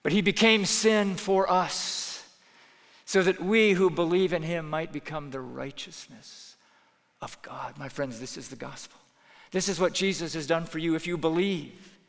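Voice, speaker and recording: A man preaching a sermon as pastor, earnest, moving between hushed pleading and raised intensity. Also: fairly high pitch, normal speed, creaky, long reverb tail. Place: church sanctuary.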